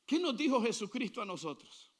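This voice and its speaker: A male pastor preaching a sermon, asking the congregation to repeat after him and building to loud, fervent calls. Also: very high voice, big pitch swings, fairly quick. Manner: call-and-response preaching, building to shouts.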